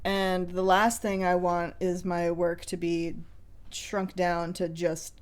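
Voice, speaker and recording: A woman's voice: lowish voice, flat delivery, takes it slowly, clean tone. A woman co-hosting a casual podcast chat with a friend. She is chatty, laughs often and trails off mid-sentence. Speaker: podcast co-host.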